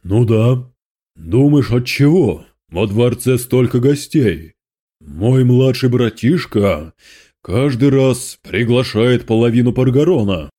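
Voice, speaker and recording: A man's voice: medium pitch, expressive, slow pace, mellow. A man reading aloud, voicing a spiteful male demon lord who hisses and gloats with scorn. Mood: mocking.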